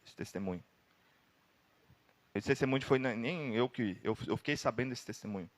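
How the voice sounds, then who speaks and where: A man preaching a sermon with a Brazilian Portuguese accent, telling a dramatic story and breaking into loud cries now and then. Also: medium pitch, moderate pace, big-room sound.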